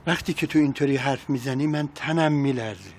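An actor playing a scheming, fawning young man named Farrokh in a TV comedy series, always quick to agree. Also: mid-range voice, darkish tone, a little hiss or hum, lightly acted.

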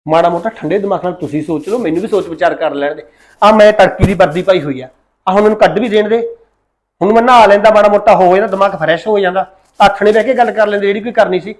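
A man playing a fast-talking young police officer son. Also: a little high, darkish tone, natural voice. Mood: insistent. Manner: insistent, pleading, fast talk. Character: young male police officer son, arguing with his mother. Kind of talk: amateur village family drama acting.

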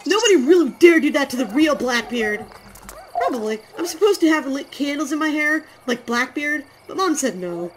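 A woman's voice: high voice, big pitch swings, normal speed, a little hiss or hum, low-quality recording. A woman casually commenting on a video game she is playing, rambling playfully through asides and jokes. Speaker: let's play host. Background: game music.

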